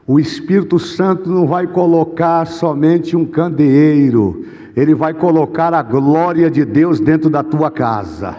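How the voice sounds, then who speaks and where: A man's voice: fairly high pitch, a little slow, muffled recording. A Brazilian man preaching as a pastor, telling a story dramatically and acting out the dialogue. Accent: Brazilian Portuguese. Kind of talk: sermon storytelling. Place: church. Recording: long reverb in a church hall.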